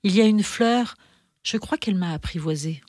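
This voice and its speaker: A woman's voice: medium pitch, normal speed, a little mellow, no echo, studio quality, lightly acted. A woman voicing an earnest, curious young boy prince, reading aloud in two voices. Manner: polite, wondering, questioning.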